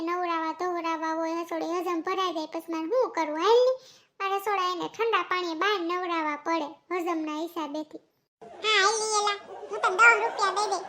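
Super squeaky bossy village aunties w/ kathiawadi accent, talking fast, nagging. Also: female voice. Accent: Kathiawadi Gujarati. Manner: shrill, quick, nagging and shouting. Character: loud bossy village women, middle-aged, scolding. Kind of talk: cartoon comedy voice acting.

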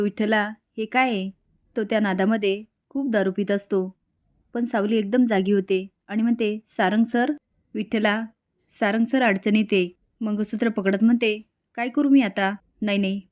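A woman tells the story of a serial episode in a steady, scripted narration. She moves scene by scene and reads out each character's lines herself in quotes. Her voice sits at an ordinary pitch for a woman. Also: moderate pace.

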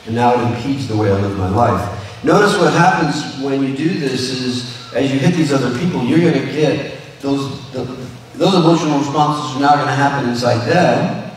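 A man's voice: medium pitch, moderate pace. A man gives a conversational sermon, circling back and restarting his sentences as he explains. His voice carries through a large church hall with a long reverb. He sounds a little distant from the mic, with faint room noise underneath. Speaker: pastor. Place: church sanctuary.

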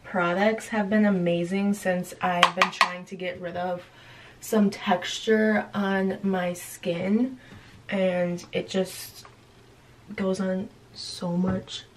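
A young adult college student, vlogging her day indoors in a small apartment and an office, chats in a relaxed, unhurried way into a phone camera held close. Her voice is mid-range, and she's chatty, occasionally trailing off softly. A faint hum sits in the background.

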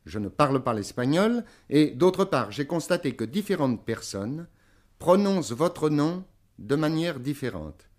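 A man from France hosting a radio interview, formal and measured, opening with a prepared introduction before questioning his guest. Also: fairly high pitch, big pitch swings, darkish tone.

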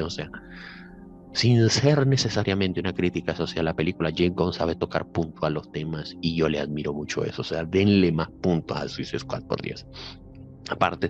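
A man giving a casual, emphatic film review, swearing freely and repeating filler phrases. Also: extremely low pitch. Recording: slightly dull audio with faint music behind.

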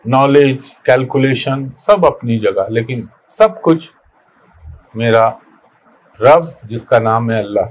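Emphatic man. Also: mid-range voice. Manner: emphatic, reflective, many pauses and restarts. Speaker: astrologer giving weekly forecast. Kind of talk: spoken weekly forecast monologue.

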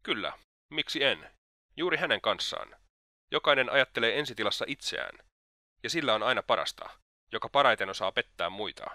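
A man's voice: medium pitch, expressive, pushed and bright, no room sound, clean studio sound. A man voicing Svidrigailov, a sly, mocking old libertine who is slightly drunk.

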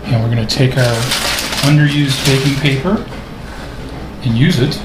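A man giving a relaxed, step-by-step cooking lesson over his video, explaining each move in a home kitchen. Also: mid-range voice, normal speed, reverberant, very noisy. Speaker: cooking instructor.

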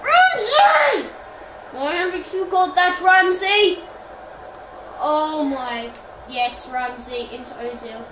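A gaming channel host, a woman with a high, unhurried voice, commentates on her own football video game and excitedly exclaims at the screen as she plays. She's recorded from a distance in an echoey room, and the audio is very noisy.

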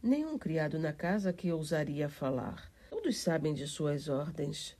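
A woman's voice: deep voice, lively intonation, unhurried, mellow, exaggerated voice. A woman voicing a flustered older housekeeper who speaks fretfully in a storybook reading. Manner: fretful, breathless.

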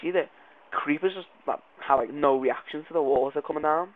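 A man giving excitable, jumpy let's play commentary, swearing and yelling when startled. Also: on the high side, brisk. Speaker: gaming video creator. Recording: tinny lo-fi mic sound.

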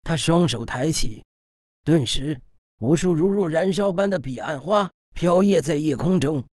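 A man narrating a fantasy audiobook in a steady, dramatic storytelling manner, recorded in a studio. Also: on the high side, measured pace, no echo.

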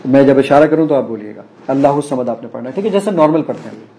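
A man's voice: mid-range voice, animated, dark tone, a little hiss or hum. A man giving a live presentation to an audience, demonstrating an app and explaining each step to the room. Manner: explanatory, addresses audience directly. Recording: echoey hall.

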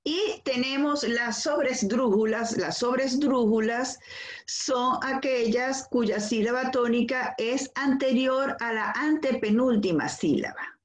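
A Venezuelan woman teaching a school lesson, talking slowly and deliberately. Her voice sits at a middle pitch, and she asks herself questions before answering them. The room adds a noticeable echo. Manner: slow, careful explanation with examples and rhetorical questions. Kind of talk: recorded school lesson on accentuation. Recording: echoey room.

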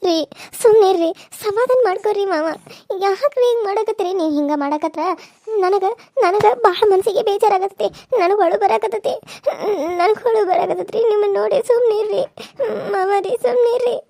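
A woman plays a young village wife in a cartoon serial, pleading and tearful, with a North Karnataka accent. The voice sits very high yet sounds soft and dark. The room is completely dry. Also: animated, normal speed, dry recording. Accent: North Karnataka Kannada. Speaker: voice actor.

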